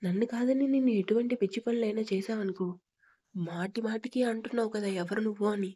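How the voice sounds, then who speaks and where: A woman voicing a possessive, domineering young husband in a storybook reading, stern and threatening, with a husky tone. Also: medium pitch, a little fast, warm tone, lightly acted. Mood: menacing.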